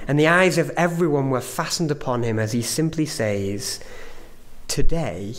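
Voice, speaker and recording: A man preaching a sermon, phrasing his points emphatically with measured pauses. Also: on the high side, animated, poor audio.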